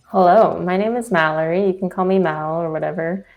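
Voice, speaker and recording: A woman's voice: on the low side, fairly quick, darkish tone, faint music behind. A woman from Massachusetts co-hosting a casual livestream, rambling and offhand. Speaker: designer advocate, co-host. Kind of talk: casual group livestream chat.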